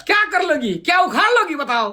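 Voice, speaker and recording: Man, live streamer, playful taunting, high voice, bright tone. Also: big pitch swings, brisk. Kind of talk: casual live-stream banter.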